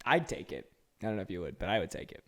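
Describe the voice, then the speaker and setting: A man's voice: low-pitched, sing-song, fast talker. A young man co-hosting a podcast in casual chat, giggly and mocking himself. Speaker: podcast co-host.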